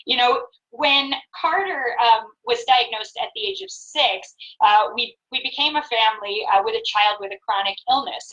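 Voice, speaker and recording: A woman's voice: a little high, sharp tone, lo-fi sound. A mother and volunteer fundraiser explaining her approach in an earnest, organized way. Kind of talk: live stream chat.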